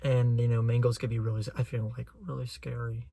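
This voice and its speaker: A young man hosting his own channel, chatting casually and excitedly as a fan with a rambling flow. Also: medium pitch, quick pace, creaky. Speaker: channel host. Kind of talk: casual chat.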